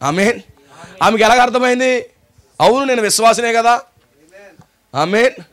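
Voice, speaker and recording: Preaching with a Telugu accent, a male pastor uses a very high, fairly bright voice. He fires rhetorical questions at the congregation and pauses so they can respond.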